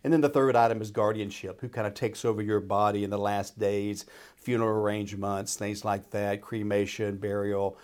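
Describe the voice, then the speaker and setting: A man's voice: on the low side, little pitch movement, normal speed, a little mellow. A man speaking as a financial expert, explaining in an informal, folksy way and checking in as he goes. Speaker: retirement planner and radio show expert. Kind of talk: conversational explaining.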